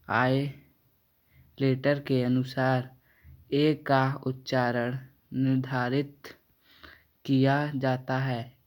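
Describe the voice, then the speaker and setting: A man with an Indian accent teaching English pronunciation rules slowly, repeating example words and correcting himself now and then. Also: mid-range voice, a little mellow. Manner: slow deliberate explaining, repeating example words; frequent self-corrections. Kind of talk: spoken English pronunciation lesson.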